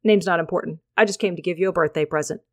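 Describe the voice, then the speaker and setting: A woman voicing a mysterious old male cowboy stranger who speaks in a brisk, low-key, cryptic way. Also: no echo, studio quality, close to an everyday voice.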